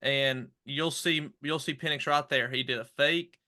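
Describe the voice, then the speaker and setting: Male football analyst with an average-pitched voice, casual play breakdown, halting and searching delivery. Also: fairly even intonation, bright, forceful tone. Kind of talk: casual sports commentary.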